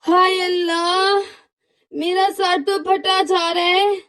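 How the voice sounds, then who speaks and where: A woman voicing a nagging older mother-in-law in a cartoon, scolding her daughter-in-law with shrill, drawn-out wails. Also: level tone, fairly bright tone, no echo, exaggerated voice. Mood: whining, calling. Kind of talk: cartoon voice acting.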